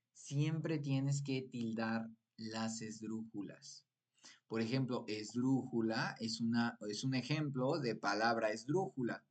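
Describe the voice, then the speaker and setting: A man teaching a live-streamed exam prep lesson, explaining patiently and prompting viewers with repeated questions. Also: mid-range voice. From Mexico.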